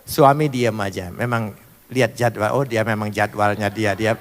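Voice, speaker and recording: A man preaching a humorous sermon, spelling out acronyms and swinging from loud calls to soft asides. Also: on the low side, steady tone, normal speed. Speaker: pastor. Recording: long hall reverb.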